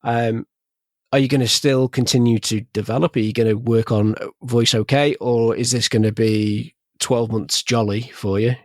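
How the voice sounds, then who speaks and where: A man's voice: medium pitch, fairly even intonation, moderate pace, no echo, clean studio sound. Joking man hosting a podcast. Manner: joking, chatty storytelling with anecdotes. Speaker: podcast host. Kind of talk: casual interview chat.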